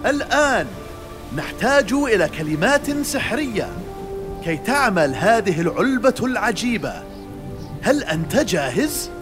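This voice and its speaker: A man's voice: high voice, very animated, normal speed, over music. A man playing a cunning, spirited sailor hero in a children's audio story, with a theatrical, declamatory delivery. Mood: sly coaxing.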